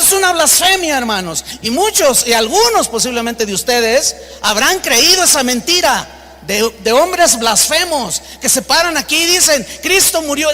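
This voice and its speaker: Man, Mexican Spanish accent, pastor preaching, very high bright voice, reverberant church hall. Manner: emphatic preacher, acting out quoted voices in an anecdote. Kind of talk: sermon.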